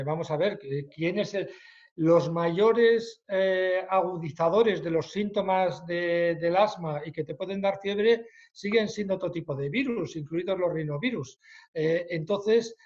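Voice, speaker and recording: Male medical expert, Spanish accent, fairly high voice, hesitant, muffled online audio. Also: darkish tone. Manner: hesitant, many fillers, then quick explanations. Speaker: medical expert answering questions. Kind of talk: webinar Q&A.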